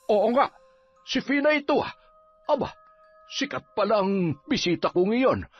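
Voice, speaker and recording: A man doing a gruff, husky village healer. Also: sits high, full character voice. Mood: teasing. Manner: gruff, nagging, comic. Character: grumbling, teasing middle-aged male village folk healer. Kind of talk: Filipino audio drama acting. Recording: dull lo-fi with faint music.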